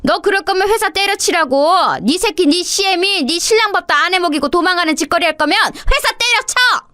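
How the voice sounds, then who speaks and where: A woman voicing a harsh, coarse older mother-in-law who berates and shouts. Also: very high-pitched, animated, brisk, no echo, studio quality, voice pushed up, heavily acted. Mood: screaming.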